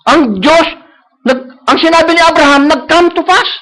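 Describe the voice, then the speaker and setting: A male preacher, his voice pitched very high for a man. He preaches to a live congregation, returning to the same phrases again and again and checking that they follow him. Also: normal speed, pushed and bright, rough recording. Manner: mixes English phrases into Tagalog, repeats key phrases; asks the congregation for agreement. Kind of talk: sermon. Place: church service.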